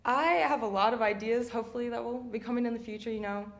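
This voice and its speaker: A woman's voice: on the high side, fast. A young woman being interviewed as a student athlete guest. She answers in an upbeat, chatty way with lots of "you know". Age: young adult.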